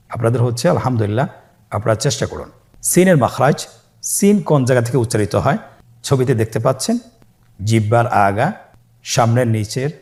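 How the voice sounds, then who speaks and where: Male Quran reading teacher, mid-pitched, calm and patient, long drawn-out letter sounds, repeat-after-me delivery. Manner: calm, patient, with frequent pious interjections. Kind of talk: step-by-step recorded lesson.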